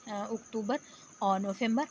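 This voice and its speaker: A woman teacher giving a spoken lesson, patient, explaining step by step and repeating words slowly. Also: mid-range voice, steady tone, a little mellow, slight background noise. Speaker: Arabic teacher. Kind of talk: spoken lecture.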